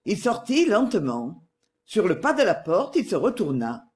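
An audiobook narrator giving a measured, expressive reading of a novel. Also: mid-range voice. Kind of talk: literary narration.

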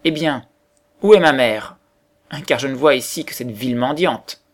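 Brief: man playing a haughty, cruel storybook boy, harsh and loud with a gravelly grain. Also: mid-range voice, moderate pace. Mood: scornful. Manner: harsh, contemptuous, raised voice. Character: proud cruel boy, vain and scornful.

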